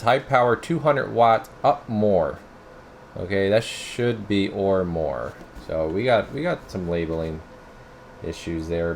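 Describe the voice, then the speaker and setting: A radio repairer and product reviewer gives a casual, hands-on demo, rambling informally and addressing viewers as "guys." His voice is lowish, with slight background noise.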